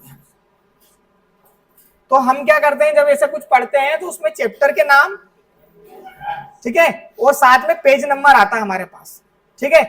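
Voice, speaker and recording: Man teacher with a high voice, patient step-by-step explainer, miked from a little distance in a classroom. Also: a bit bright. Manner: explains step by step, often checks understanding with "ठीक है". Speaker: computer teacher. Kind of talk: classroom software lesson. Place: classroom with students present.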